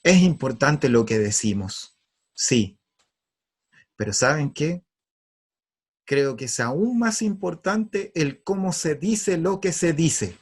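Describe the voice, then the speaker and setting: A man's voice: on the high side, expressive, takes it slowly, long pauses, husky. A man giving an earnest, emphatic spiritual talk. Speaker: spiritual speaker.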